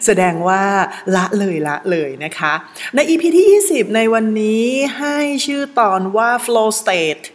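A woman's voice: a little high, sing-song, measured pace, few pauses, long reverb tail. A woman in her forties hosting a solo podcast, chatting directly to her listeners in a casual way and laughing often. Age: 40s. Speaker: podcast host.

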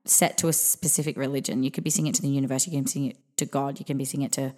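A woman's voice: extremely low pitch, level tone, racing, mellow. A young woman guest on a podcast, telling stories in a casual, dramatic way. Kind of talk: casual storytelling.

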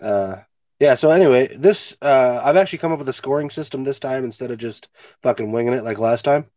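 Recording remotely on a home mic, a man hosts a casual podcast chat with a stuffy nose, relaxed and tossing in casual swearing. His medium-pitched voice is dark and brisk, and the lo-fi audio has no echo.

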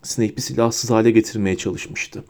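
A man narrating an audiobook with steady storytelling. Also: on the low side, moderate pace. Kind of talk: scripted narration.

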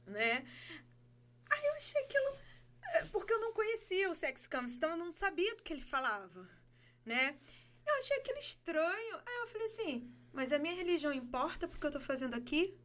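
A Brazilian woman telling a story in casual podcast chat, animated and laughing as she acts out dialogue. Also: very high-pitched, a little fast, a little hiss or hum. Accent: Brazilian Portuguese. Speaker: guest.

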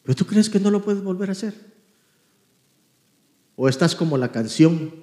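A man delivering a sermon in a high, bright voice. He swings from loud, fervent exclamations to hushed storytelling. The sound rings around an echoey church hall. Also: animated, moderate pace. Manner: fervent preaching, rising to loud exclamations then dropping to quiet storytelling. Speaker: pastor.

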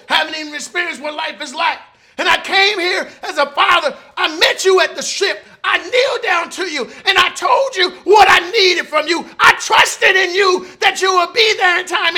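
A man preaching, voicing a desperate grieving father who pleads and shouts. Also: extremely high pitch, moderate pace. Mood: anguished.

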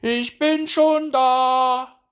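A man voicing a hedgehog's wife, a shrill, fretful little female creature from a fairy tale, shrieking in alarm. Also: measured pace, darkish tone. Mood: triumphant.

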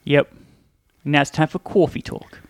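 A man's voice: fairly high pitch, fairly even intonation, measured pace, clear, resonant tone. A man co-hosting a podcast in casual, blunt chat, swearing freely. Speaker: podcast co-host.

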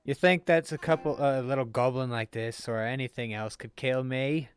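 A man's voice: mid-range voice, fairly even intonation, moderate pace, clean tone, close to an everyday voice. Man doing a brash foul-mouthed mouse rogue. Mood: cocky. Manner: brash, teasing, wavering accent.

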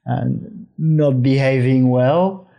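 Man, interview host, mellow relaxed timbre, medium pitch, reflective, tentative phrasing, conversational. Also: takes it slowly.

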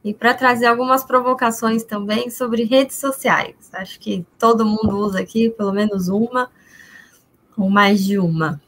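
A Brazilian woman gives an informal explanation as an invited expert. Her voice is somewhat high. She keeps things simple, using everyday examples. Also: fairly even intonation, moderate pace, a bit bright. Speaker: guest expert.

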